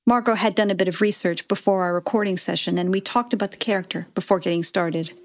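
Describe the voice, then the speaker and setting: A woman hosting and narrating a documentary podcast in a measured, clear storytelling manner. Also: medium pitch, steady tone. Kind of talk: scripted narration.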